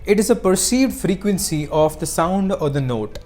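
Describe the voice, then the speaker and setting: A teacher giving scripted narration on speaking skills, explaining clearly and acting out short examples. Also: mid-range voice, lively intonation, moderate pace, darkish tone, faint music behind.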